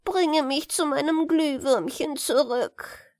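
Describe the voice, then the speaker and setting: A woman's voice: high-pitched, takes it slowly, a little mellow, dry recording, clean studio sound, voice pushed up. A woman reading a sad, dying little male beetle who was once a star, in a lamenting, pleading tone. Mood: mournful.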